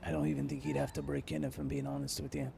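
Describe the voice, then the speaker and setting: A man's voice: mid-range voice, very animated, racing, vocal fry, mellow, slight background noise. A man in a casual in-character roleplay conversation, asking questions and chatting along. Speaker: roleplay player.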